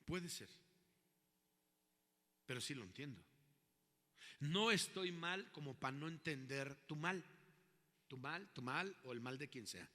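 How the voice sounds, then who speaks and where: A man's voice: on the high side, animated, unhurried, pauses often, bright, forceful tone, long reverb tail. A man preaching a sermon as pastor, asking his listeners questions and building in intensity.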